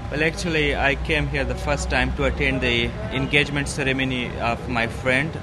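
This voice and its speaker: A man interpreting another person's words in the first person as a translation voice-over, halting and pausing mid-thought. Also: medium pitch, fairly even intonation, over music, poor audio.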